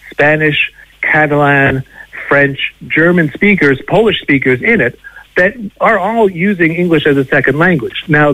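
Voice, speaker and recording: Speaking as a radio guest, a linguistics professor from Boston, United States, talks through ideas in a conversational, hedging and discursive way. His American accent carries a hint of Irish, and his voice is mid-range and a bit bright. It's a rough recording without echo.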